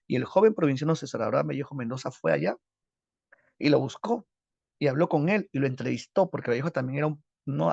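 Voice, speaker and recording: Literature teacher telling a story, dramatic, lots of "¿qué hizo?", gravelly voice, dull lo-fi audio. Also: male voice, fairly high pitch, darkish tone, no echo. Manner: dramatic, acts out scenes, rhetorical questions. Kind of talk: animated storytelling lecture. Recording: dull lo-fi dry recording.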